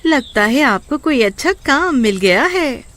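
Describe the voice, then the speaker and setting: A woman voicing an excitable, scolding village wife in a cartoon, shrill and exclaiming. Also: a little slow, slight background noise. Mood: astonished. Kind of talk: cartoon voice acting.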